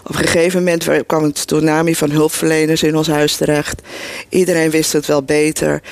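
Before an audience, a middle-aged woman tells her own life story earnestly, emotionally and bluntly. Her voice is deep and creaky, with no room sound.

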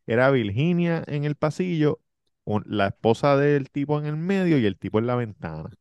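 A man's voice: medium pitch, normal speed, clean tone, dry recording, highs cut off. A man telling a travel story in casual chat, acting out the people in it. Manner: animated, acts out the people in his story. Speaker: podcast host.

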